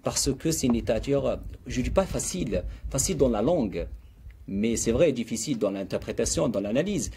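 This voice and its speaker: A man's voice: medium pitch, a little fast, a little hiss or hum. A man, a guest author, talking in an interview, telling stories and reciting verse with animation. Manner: animated storyteller, quotes Arabic verse. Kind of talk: explanatory interview talk.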